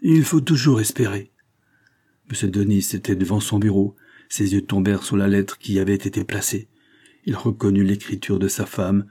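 A man narrating a classic novel as an audiobook, in a measured, dramatic reading. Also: on the low side, mellow, slightly rough.

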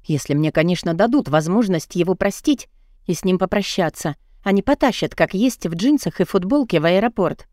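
A woman narrating a novel in the first person, in an even storytelling manner. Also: lowish voice, fairly quick, dry recording, clean studio sound. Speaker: audiobook narrator.

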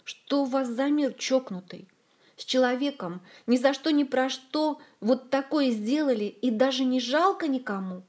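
A woman's voice: high voice, expressive, normal speed, darkish tone, voice pushed up. A woman voicing a bewildered, exasperated young woman.

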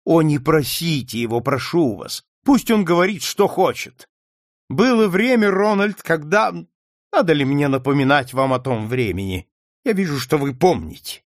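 A man's voice: a little high, big pitch swings, measured pace, dry recording, studio quality, voice pushed up, exaggerated voice. A man putting on a sneering jealous noblewoman. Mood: scornful mocking. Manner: sneering, mocking. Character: haughty jealous noblewoman, mocking rival.

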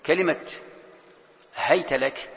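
Gravelly man teaching a Quran lesson. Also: on the high side, takes it slowly, big-room sound, lo-fi sound. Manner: explains step by step, repeats key phrases. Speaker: sheikh teaching Quran commentary.

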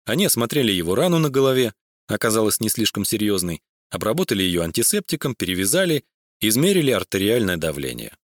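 A man narrating a crime story audiobook in a measured reading voice. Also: lowish voice, very animated, no echo, clean studio sound. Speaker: audiobook reader. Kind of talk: scripted narration.

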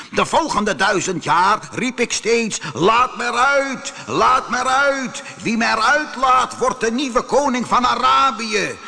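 A giant, vengeful genie bellows high and loud, his voice strained and gravelly as he roars threats, put on by a man reading a storybook. The shouting swings wildly up and down. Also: heavily acted. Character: huge vengeful male genie from a bottle.

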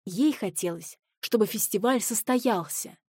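A woman narrating a children's storybook in a calm, even reading voice. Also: medium pitch, measured pace, breathy edge, no echo, clean studio sound. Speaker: audiobook narrator.

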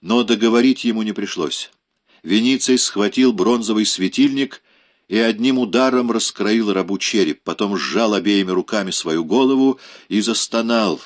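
A man reading a historical novel aloud as an audiobook narrator, measured and dramatic. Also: lowish voice. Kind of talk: scripted narration.

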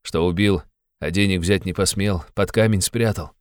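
A man's voice: deep voice, steady tone, normal speed, dry recording, studio quality, close to an everyday voice. A man reading an audiobook, playing a tormented young man who confesses in a brooding, agitated way. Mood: bitter. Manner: brooding, agitated, bitterly insistent.

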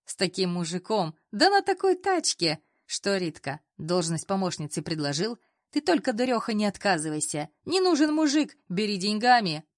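A woman's voice: mid-range voice, big pitch swings, moderate pace, no room sound, clean studio sound, lightly acted. A woman voicing an older female cleaner who is cheeky, folksy and mocking. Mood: flirty. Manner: folksy, teasing.

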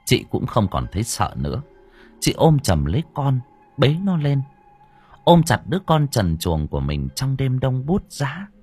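A man narrating a story slowly and dramatically, letting his voice swell at tense moments. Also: medium pitch, big pitch swings, darkish tone, slightly rough. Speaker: audiobook narrator. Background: faint background music.

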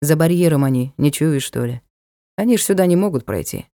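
A petulant young dark lord, voiced by a woman reading an audiobook sneers and sulks in a low, dark voice. He is scornful and quick to shout. The sound is dry and close. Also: expressive, no echo. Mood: sullen. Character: sulky sarcastic young male dark lord. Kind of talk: audiobook character voice.

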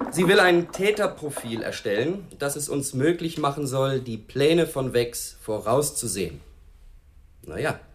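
A brusque police chief, played by an actor in a radio drama. He speaks in curt, commanding bursts with a dry, sardonic edge. His pitch sits in the middle. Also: lightly acted. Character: brusque male police chief briefing a task force.

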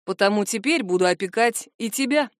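A woman reading the lines of a young male death mage who is teasing and calmly firm. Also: medium pitch, fairly quick, no echo, clean studio sound, natural voice.

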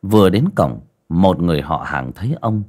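A man narrating a village ghost story on a livestream, pausing and repeating words as he goes. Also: deep voice, animated, darkish tone. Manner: hesitant, repeats words and restarts.

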